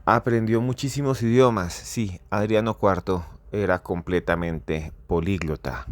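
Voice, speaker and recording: Man, low voice, podcast storyteller, theatrical build-ups, dry close mic. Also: no echo. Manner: theatrical, repetitive build-ups, rises to near-shouting in climaxes. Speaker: podcast host. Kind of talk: dramatic storytelling narration.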